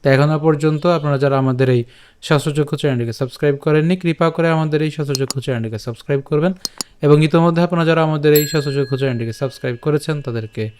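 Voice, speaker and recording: Slightly high-voiced man teaching verse pronunciation. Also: a little mellow, slight background noise. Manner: breaks words into syllables, asks "ঠিক আছে?" often; slow, drawn-out verse recitation. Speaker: Gita recitation teacher. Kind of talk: step-by-step Sanskrit pronunciation lesson.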